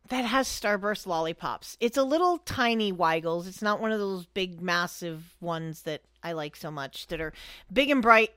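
A woman's voice: medium pitch, fairly bright tone, no room sound, clean studio sound. A young adult woman co-hosting a casual show, telling her rideshare driving stories in a blunt, profane, exasperated way. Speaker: co-host and rideshare driver. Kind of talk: casual storytelling chat.

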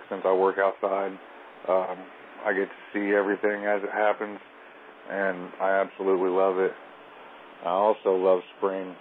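A man leaving a relaxed, rambling voicemail over a landline phone. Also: low voice. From Southeast Kansas. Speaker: caller. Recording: tinny landline voicemail, faint noise.

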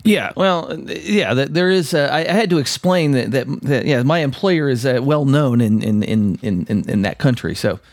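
A man co-hosting a podcast in casual chat, halting and stammering, often repeating the starts of his words. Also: medium pitch, animated, no echo. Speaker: podcast co-host.

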